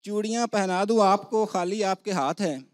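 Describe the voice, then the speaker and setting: A man's voice: sits high, moderate pace. A man reciting humorous rhyming verse on a comedy show, with a rhythmic delivery built around the punchlines. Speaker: comic poet guest. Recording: loud studio audience and noise.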